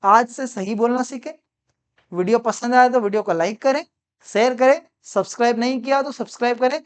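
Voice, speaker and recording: A man's voice: extremely high pitch, brisk, clear, resonant tone. A man teaching English pronunciation. He quizzes his listeners and repeats each word several times, with playful teasing asides. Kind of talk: spoken pronunciation lesson.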